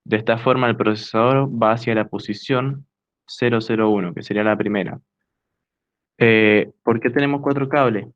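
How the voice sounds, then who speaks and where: A young man giving a hesitant student class presentation, filling pauses with "eh" while pointing things out on a diagram. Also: lowish voice, fairly even intonation. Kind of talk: class presentation explaining computer hardware. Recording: dull lo-fi recording.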